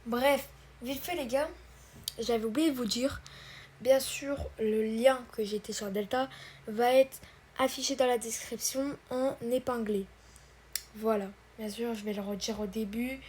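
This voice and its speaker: Stumbling, chatty tutorial voice, higher pitch. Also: female voice, fairly even intonation, measured pace, a little mellow, a little hiss or hum. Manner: hesitant, stumbling, many filler words; addresses viewers as "guys" and "brothers". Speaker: tutorial host. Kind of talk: casual screen-recorded tutorial.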